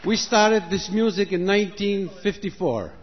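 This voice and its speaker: His voice sits high and expressive at normal speed as this Argentine man introduces his music outdoors, joking conversationally and switching languages. Captured in a muffled live recording with the audience, it has some background chatter and a faint hiss or hum.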